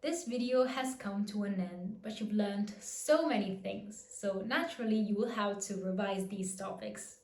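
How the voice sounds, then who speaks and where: A woman teaching a pronunciation lesson, patient and clear, demonstrating each word slowly and repeating it. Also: medium pitch, darkish tone, reverberant. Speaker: language teacher.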